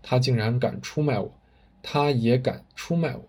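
A man voicing a one-eyed bandit chief who rants and shouts hysterically, with a husky voice. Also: medium pitch, moderate pace, lightly acted. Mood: raging. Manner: ranting, hysterical shouts fading to weak gasps.

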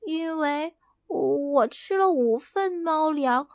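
A tiny, excitable storybook chick chirps her lines in a squeaky voice pitched far above ordinary speech, as a woman puts her on. The voice is dry and close, with no room around it, and the pace stays unhurried. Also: no echo. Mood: excited chirping. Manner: squeaky high chirping exclamations. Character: small brave female chick, excitable.

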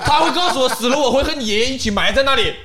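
A man co-hosting a podcast in casual chat, lively and laughing often. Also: extremely high pitch, very fast, crowd noise. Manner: lively, laughs often, many short backchannels. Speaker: podcast co-host.

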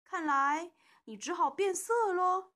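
A woman reading a storybook aloud and voicing a proud gray wolf who mocks and jeers loudly. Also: very high voice, slow pace, pitched above the performer's own voice, heavily acted. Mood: jeering. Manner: loud, jeering, proud. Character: boastful, mocking gray wolf bully.

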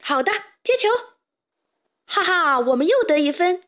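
A woman's voice: sits high, animated, moderate pace, a bit bright. A woman doing a cheerful little animal boy. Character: cheerful, easygoing young male friend animal.

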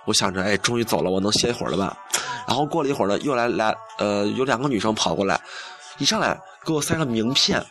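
A man's voice: fairly low pitch, rapid-fire. A young man hosting a campus radio show, telling a story in a chatty, self-mocking way and acting out the dialogue. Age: young adult. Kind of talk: casual monologue.

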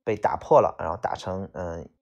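Gravelly low-voiced male teacher. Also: moderate pace, darkish tone, highs cut off. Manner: explains casually with many fillers and restarts. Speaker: English teacher. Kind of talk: vocabulary lesson.

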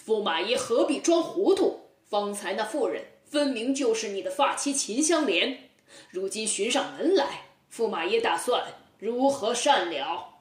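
A man's voice: very high voice, very animated, unhurried, fairly bright tone, echoey room, far from the mic, heavily acted. A woman voicing a stern, upright old male judge in a children's storybook tale, speaking with commanding force.

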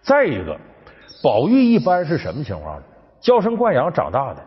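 A male lecturer tells the story in a casual, lively way and speaks directly to his audience. His voice is husky and swings widely in pitch, and faint music plays under a dull recording. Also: moderate pace. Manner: colloquial, animated, addresses listeners. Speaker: lecturer on classic literature.

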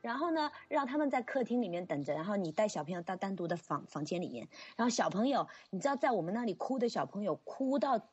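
A woman teacher in casual podcast chat, telling lively stories and acting out children's voices. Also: mid-range voice, fast, hardly any pauses, breathy edge, lo-fi sound, soft background music. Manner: animated storyteller, acts out crying children.

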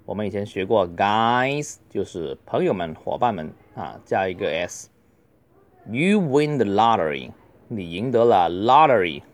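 Chinese guy teaching english drills, low voice, bouncy, touch. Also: expressive. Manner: reads drills slowly, then explains. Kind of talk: beginner English lesson in Mandarin.

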